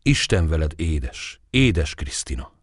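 A man's voice: extremely low pitch, very animated, slightly rough, no room sound, studio quality, pitched below the performer's own voice, heavily acted. A man voicing a serious, earnest young man in love in an audiobook, speaking solemnly.

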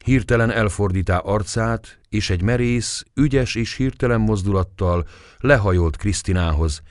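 A man reading a classic novel aloud as scripted narration, with expressive storytelling. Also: on the low side, dry recording, clean studio sound. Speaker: audiobook reader.

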